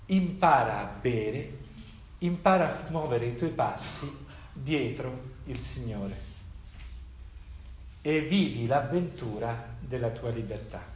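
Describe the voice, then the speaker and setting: A man preaching a reflective sermon, reading scripture and asking rhetorical questions, with frequent pauses to check in with listeners. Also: mid-range voice, roomy sound, slight background noise.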